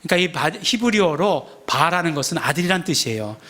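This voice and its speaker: Pastor, man, fairly high voice; chatty sermon delivery, rhetorical questions, acts out the quotes. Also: very animated, brisk. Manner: conversational preaching, frequent "ye" fillers and rhetorical questions; acts out shouted quotes of the crowd. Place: church sanctuary.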